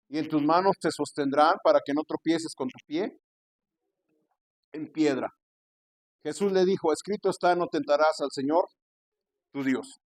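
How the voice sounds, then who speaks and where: Earnest pastor, higher voice. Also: male voice, a little mellow, no room sound. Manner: earnest preaching, addresses listeners as brother again and again. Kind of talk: sermon.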